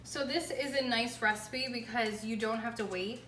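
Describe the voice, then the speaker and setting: A woman's voice: fairly high pitch, fairly even intonation, normal speed, a bit bright. A woman giving a casual, chatty home cooking demonstration in a kitchen, talking in an emphatic, exclamatory way. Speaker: home baking show host. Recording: roomy, distant mic, clear background noise.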